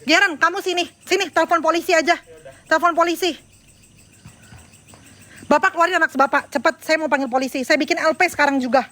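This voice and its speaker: High, bright, agitated woman outdoors. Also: steady tone, fast, long pauses. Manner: agitated, accusing, addressing viewers. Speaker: vlogger confronting a scammer. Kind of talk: heated live confrontation. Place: outdoors in front of a house.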